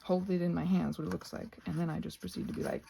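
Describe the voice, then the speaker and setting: A North American craft and ASMR vlogger chats casually while she works, playful and scatterbrained, thinking aloud and often trailing off into murmurs. Her lowish voice is level in tone, quick, and edged with vocal fry. There is noise in the background.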